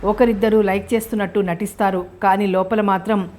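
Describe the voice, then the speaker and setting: A woman's voice: medium pitch, steady tone, a little fast, darkish tone. A woman steadily reading a novel aloud as an audiobook narrator.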